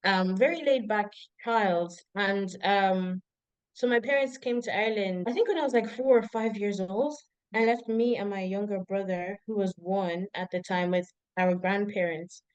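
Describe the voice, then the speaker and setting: A woman's voice: mid-range voice, moderate pace, clean tone, no room sound, highs cut off. Young woman guest from Zimbabwe, storytelling and reflective, resonant, dry and close. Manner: reflective, storytelling, frequent "like" fillers. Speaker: guest, doctoral researcher. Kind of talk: casual interview conversation.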